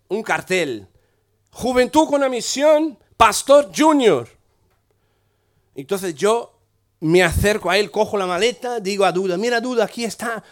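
High-voiced man pastor telling stories. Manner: lively anecdotal telling that acts out the dialogue. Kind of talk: humorous storytelling sermon.

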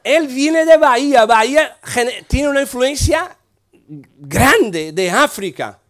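A middle-aged man, a pastor, telling a humorous story in a sermon and acting out the dialogue in a lively way. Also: extremely high pitch, slow.

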